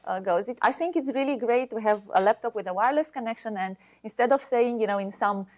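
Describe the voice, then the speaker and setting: Speaking without a script at an academic seminar, a Romanian-accented woman who works as a university researcher falters while searching for the right words. Her pitch runs on the high side.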